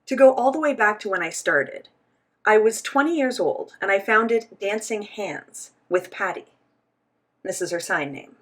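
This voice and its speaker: Voicing both the host and the guest of a signed interview, this woman gives a measured first-person interpretation. She speaks at a medium pitch and sounds expressive.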